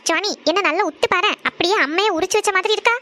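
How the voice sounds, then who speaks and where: A woman's voice: very high voice, fast, bright, forceful tone. A woman voicing a teasing, mischievous older college-girl sister. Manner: teasing, playful.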